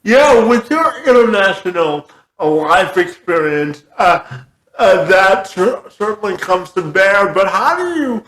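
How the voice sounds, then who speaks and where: A man hosting an interview, asking halting questions with many fillers. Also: high-pitched, very animated, a bit bright, roomy sound, rough recording. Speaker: interview host.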